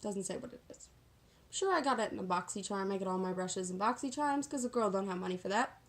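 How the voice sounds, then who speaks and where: A woman's voice: medium pitch, fast. Sassy woman chatting through makeup. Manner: sassy, slangy, self-deprecating. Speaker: makeup vlogger. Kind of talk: casual chatty get-ready-with-me tutorial.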